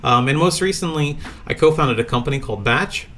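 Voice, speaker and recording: A man's voice: on the high side, animated, a little fast, a bit bright, slight background noise. A man from Latvia presenting a recorded conference talk from a home office, speaking casually with many fillers.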